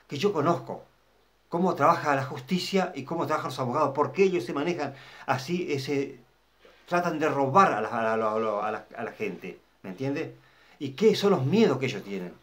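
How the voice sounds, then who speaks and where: A man telling viewers a personal story. He rambles, repeats himself and keeps asking whether they follow. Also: medium pitch. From Argentina. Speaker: channel host.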